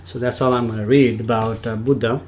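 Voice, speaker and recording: A man's voice: mid-range voice, flat delivery, a little fast, slight background noise. A man from Nepal, a spiritual teacher giving a rambling, casual livestream talk and often speaking of himself in the third person.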